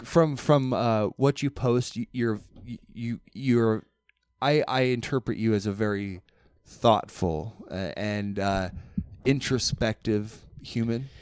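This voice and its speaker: A man hosting a casual podcast chat, earnest and often halting as he searches for his words. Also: fairly low pitch, darkish tone, clean tone, no echo. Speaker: podcast host.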